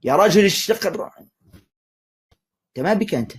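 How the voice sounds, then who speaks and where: Fast-talking husky man pressing hard. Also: high-pitched, animated. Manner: pressing, repeats questions insistently; mocking, sarcastic. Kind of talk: heated religious debate.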